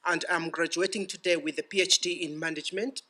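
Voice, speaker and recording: Man, Ugandan accent, middle-aged, formal podium speech, bright forceful voice, deliberate ceremonial phrasing. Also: a little high, steady tone. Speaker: graduating PhD student giving vote of thanks.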